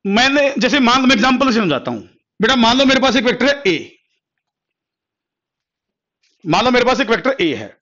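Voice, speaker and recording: A man's voice: very high-pitched, big pitch swings, moderate pace, long pauses, bright, forceful tone. A man teaching a physics class as a classroom lecture, repeating each point and explaining step by step. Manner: repetitive, explains step by step, calls students "beta". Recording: dull lo-fi recording.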